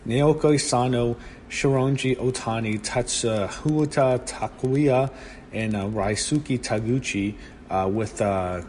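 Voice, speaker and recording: A man giving a casual solo review of a wrestling show, rambling and excitable, swearing when annoyed. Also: fairly low pitch. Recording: long room reverb with faint background noise.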